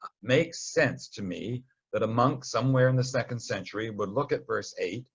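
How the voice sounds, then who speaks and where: The recording is muffled, carrying a man's medium-pitched voice with vocal fry and a slight roughness at a moderate pace. As a Bible study teacher, he explains scripture in a relaxed storytelling manner, adding wry asides and acting out short quotations.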